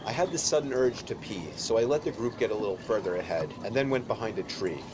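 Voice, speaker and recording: A man reading a scripted horror story in an even, measured way. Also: on the low side. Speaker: narrator. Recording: loud background noise. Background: loud noise.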